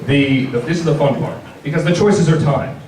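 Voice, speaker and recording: In a big convention panel room, a man presents a product informally, casual and wry with plenty of joking. His voice is a little high and darkish at a moderate pace, and the distant, roomy recording carries a little hiss or hum plus an audible audience crowd.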